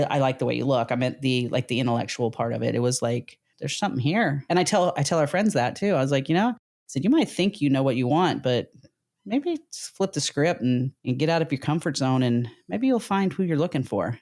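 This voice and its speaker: A woman's voice: rumbling low, animated, fairly quick, a little mellow. A middle-aged woman co-hosting a casual talk show with her husband, telling stories in a rambling, candid way. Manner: rambling, candid, country-flavored storytelling. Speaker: podcast co-host.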